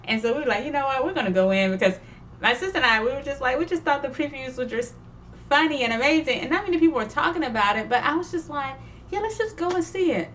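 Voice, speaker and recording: A young woman chatting casually about her sewing projects, digressive and quick to laugh. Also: sits high, expressive, a bit bright, slight background noise. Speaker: sewing vlogger. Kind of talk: casual chat.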